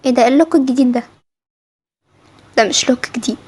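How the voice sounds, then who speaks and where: A woman's voice: high-pitched, racing, husky. A woman voicing an anxious, caring sister in a fan cartoon, speaking with urgent pleading. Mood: worried. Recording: loud background noise.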